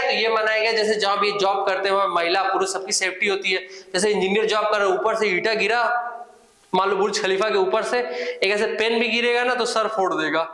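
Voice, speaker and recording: A man's voice: sits high, bright, forceful tone, very echoey, poor audio. A man teaching a current affairs quiz lesson, repeating each answer and adding informal asides.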